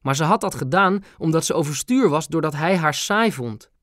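A man narrating a children's audiobook in an expressive, animated storytelling manner. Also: a little high, normal speed, no echo, clean studio sound.

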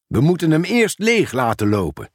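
A man with a slightly high, pushed-up voice plays a cheerful village postman, very animated and at a moderate pace. The recording is clean studio sound with no echo.

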